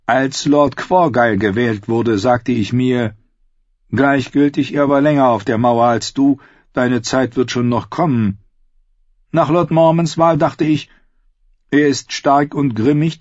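A man's voice: mid-range voice, darkish tone, no echo, muffled recording, voice pushed up, close to an everyday voice. A man voicing a tired old knight who speaks politely and with resignation. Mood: resigned. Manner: polite, measured.

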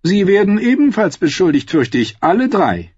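Ein Mann liest in einem Hörbuch eine intrigante Königinmutter, gefasst und herablassend. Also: male voice, high-pitched, sing-song, moderate pace, a little mellow, no echo, muffled recording, voice pushed up, heavily acted. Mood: calculating. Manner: smooth, condescending. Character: scheming older queen mother, coolly composed. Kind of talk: audiobook dialogue.

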